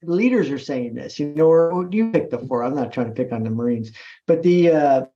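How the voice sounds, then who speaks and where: A military veteran talking in a casual interview, with many restarts and fillers. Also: male voice, medium pitch, lively intonation. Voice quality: halting, full of restarts and "like". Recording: slightly muffled recording.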